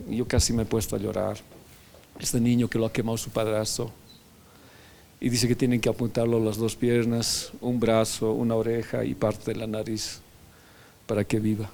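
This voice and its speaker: A male pastor preaching a sermon, telling a story and acting out the dialogue, then building to loud, emphatic preaching. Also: mid-range voice, level tone, moderate pace, vocal fry, a little hiss or hum.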